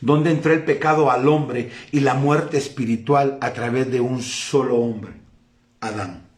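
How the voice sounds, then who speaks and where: A man's voice: medium pitch, fairly even intonation, measured pace, darkish tone, reverberant. A middle-aged man, preaching a sermon emphatically and telling personal stories. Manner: emphatic, storytelling with quoted voices. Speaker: pastor. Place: church hall.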